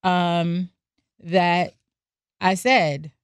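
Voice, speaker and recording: A woman's voice: on the low side, steady tone, very slow, clean tone, no echo, clean studio sound. An American woman on a podcast, telling reflective personal stories and reading aloud from her journal. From United States. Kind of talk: casual podcast discussion.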